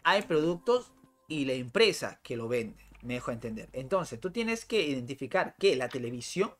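A man talks over a live game stream, chatty and animated. He fires rhetorical questions at his viewers. His pitch rises and falls a lot, with a lively, bouncing delivery. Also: moderate pace. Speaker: gaming streamer. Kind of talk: live gameplay chat with a rant to viewers.

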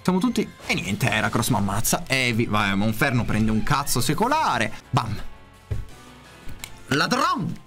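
Excitable swearing gamer man. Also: measured pace, soft background music. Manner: excitable, swears often, yelps in sudden high outbursts. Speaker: gamer commentating his own play. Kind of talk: casual let's-play commentary.

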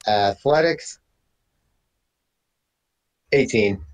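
A man playing in a tabletop game, asking eager, quick questions. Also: on the low side, expressive. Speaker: player. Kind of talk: casual tabletop play. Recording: dull lo-fi mic.

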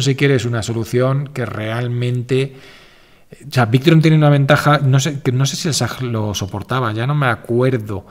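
A man hosting a casual live stream, answering viewer questions in a rambling, self-correcting, informal way. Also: mid-range voice.

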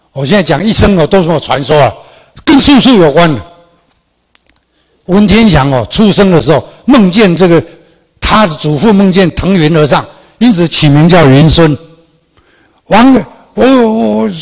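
An older man giving a public history lecture in a large hall, animated and asking the audience questions. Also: fairly high pitch.

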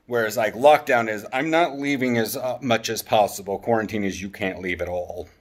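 Speaking at a normal speed in a lowish voice, a man in his thirties vlogs from an apartment living room with an open kitchen. He rambles casually and drops jokey asides, recorded on a handheld camera held at arm's length.

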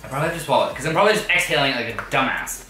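A man's voice: medium pitch, animated, rapid-fire. A young man chatting casually as a guest in a bedroom, recorded by a camera across the room. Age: young adult. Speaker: guest friend. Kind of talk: casual chat. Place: small bedroom. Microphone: camera a couple of metres away. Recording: echoey, distant camera mic, faint music.

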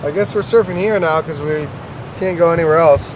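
A man's voice: fairly high pitch, a little fast. A young man bantering casually in joking, slangy surfer talk, picked up on a camera mic outdoors. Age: young adult. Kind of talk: casual banter in a surf vlog. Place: outdoors by cars and roadside. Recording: noisy outdoor camera audio.

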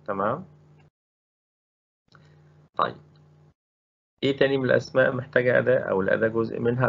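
Gravelly Egyptian man teaching Spanish. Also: medium pitch, muffled recording, a little hiss or hum. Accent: Egyptian Arabic. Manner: explains step by step, repeating words and asking rhetorical questions. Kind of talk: recorded grammar lesson.

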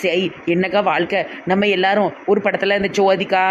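A man with a Tirunelveli Tamil accent acting in a comedy sketch, talking in an excitable, complaining way. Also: sits high, fairly quick, slight background noise. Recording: dull lo-fi sound.

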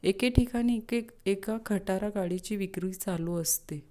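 A woman reading out a string of short jokes in a plain, brisk way, sometimes stumbling and restarting a word. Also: mid-range voice, a little mellow. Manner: brisk plain delivery with occasional slips and restarts. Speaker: joke reader.

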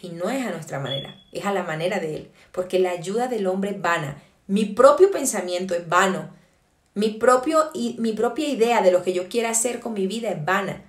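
A woman giving an early-morning devotional sermon, preaching earnestly and emphatically with slow, stressed phrases and rhetorical questions. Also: mid-range voice, animated, roomy sound.

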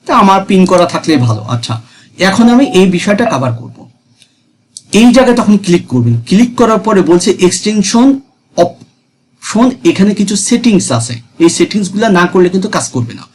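In a casual screen tutorial, a freelancing tutor talks in an expressive, high, slightly fast voice, with a little hiss or hum in the audio. He chats, repeats himself, and keeps checking in with viewers by asking "ঠিক আছে?"

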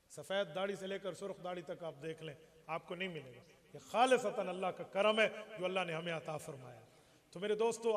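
A man's voice: high-pitched, a bit bright. A man preaching a sermon in a mosque. He talks emphatically and keeps firing rhetorical questions at the congregation. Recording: long reverb of a large prayer hall.

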